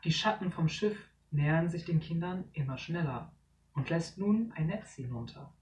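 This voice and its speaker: Storybook narrator, measured reading, roomy and far from the mic. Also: mid-range voice, animated, a little mellow. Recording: echoey room, distant mic, faint noise.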